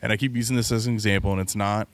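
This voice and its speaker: A man's voice: on the low side, fairly even intonation, very fast, no room sound. A man co-hosting a casual podcast chat, laid-back, swearing now and then as he talks through his reasoning. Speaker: podcast co-host.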